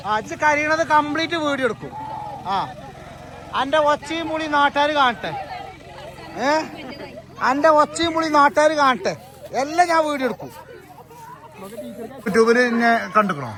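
A man with a Malappuram Malayalam accent, vlogging outdoors at a family gathering and loudly ordering and teasing his relatives. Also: very high-pitched, lively intonation, moderate pace, pauses often. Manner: loud, bossy and teasing, calling out orders. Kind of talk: casual vlog, herding relatives. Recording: busy crowd noise behind.

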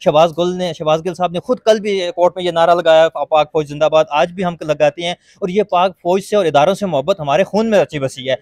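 A lawyer, a man, argues his case to a reporter in rapid, emphatic bursts. His voice sits a little high and sounds dry and close, with no room around it. He presses each point with quick insistence. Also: a little mellow, dry recording. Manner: fast, emphatic, argumentative. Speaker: lawyer, party legal forum member. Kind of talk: courthouse interview answers.

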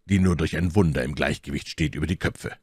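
A man reading aloud voices a calm, cool-headed musketeer who speaks quietly and indifferently. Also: a bass voice, fast, breathy edge, no echo, studio quality.

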